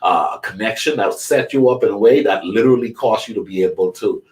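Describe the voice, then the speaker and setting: A man's voice: fairly low pitch, fairly quick, a little mellow, distant mic. A middle-aged man from the Bahamas speaking as a guest life coach, with an earnest, preacherly motivational delivery. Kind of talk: conversational talk show interview.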